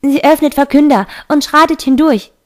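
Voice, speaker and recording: A woman's voice: high-pitched, moderate pace, voice pushed up, natural voice. A woman reading the lines of a protective female angel calling out in a fantasy audiobook. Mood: urgent.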